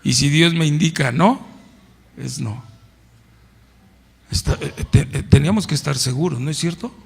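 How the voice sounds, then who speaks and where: Male pastor, mexican spanish accent, middle-aged, high gravelly voice, church sermon, keeps asking the congregation questions. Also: normal speed. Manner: conversational preaching, asks the congregation questions.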